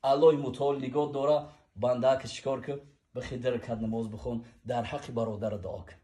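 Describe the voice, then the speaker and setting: A man's voice: mid-range voice, little pitch movement, mellow. A man with a Tajik accent preaching a sermon, reciting verses and Arabic quotes in a rhythmic, swelling delivery.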